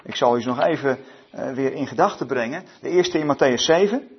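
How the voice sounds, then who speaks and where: A man leading a Bible study evening, reading scripture aloud and talking it over with many hesitant fillers and restarts. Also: mid-range voice. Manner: reads scripture aloud in a measured tone. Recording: dull lo-fi recording.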